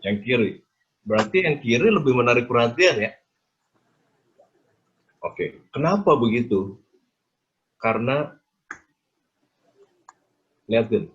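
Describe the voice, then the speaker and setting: A man's voice: mid-range voice, animated, takes it slowly, pauses often, a bit bright, dull audio. A man giving an interactive design lecture on a video call, quizzing his audience with casual tag questions.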